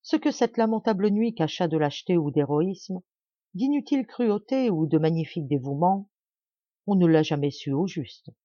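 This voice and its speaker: Woman audiobook reader, mellow dark voice, dry close sound, dull lo-fi. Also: on the low side, animated, dry recording. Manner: measured, dramatic storytelling. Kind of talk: audiobook narration of a classic novel.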